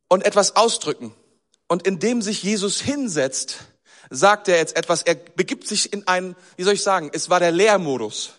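A man giving a sermon as a pastor, talking conversationally and often turning to the audience with questions and animated emphasis. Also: fairly high pitch, long reverb tail.

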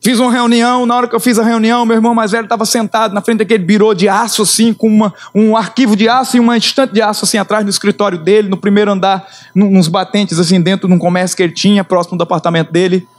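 High-voiced preacher. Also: male voice, level tone. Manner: emotional storytelling, shifting pitch and slowing for emphasis. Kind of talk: sermon testimony.

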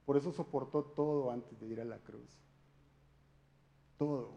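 A man's voice: medium pitch, steady tone, a little slow, creaky, dark tone, dull audio. A man giving a conversational sermon talk, speaking directly to his listeners with frequent rhetorical questions. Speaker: church speaker.

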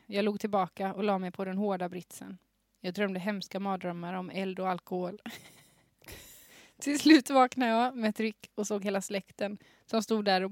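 A woman's voice: medium pitch, dry recording, studio quality. A young adult woman hosting a podcast, reading aloud a story she wrote as a teenager and stifling giggles as she goes. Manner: reads with suppressed giggles. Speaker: podcast host. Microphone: studio microphone with headphones.

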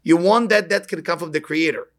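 A man with an Israeli accent speaks in a slightly high voice at a somewhat quick pace. He is a spiritual teacher giving an inspirational talk with anecdotes to a live audience, speaking emphatically and repeating short phrases.

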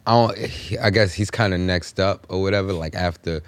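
A man talks casually as a podcast co-host. His voice is low and his delivery is halting and slangy, circling around the point. The recording is dry, without room sound. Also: no echo. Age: 30s. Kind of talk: casual chat.

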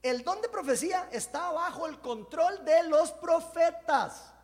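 A man preaching a sermon in a lively, joking, conversational way. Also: extremely high pitch, unhurried, long reverb tail. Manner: animated, jokey, conversational preaching.

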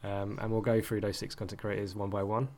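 A man's voice: fairly low pitch, level tone, brisk, darkish tone. A man co-hosting a podcast, talking casually with lots of ums and easy laughs. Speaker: podcast co-host. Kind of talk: casual chat.

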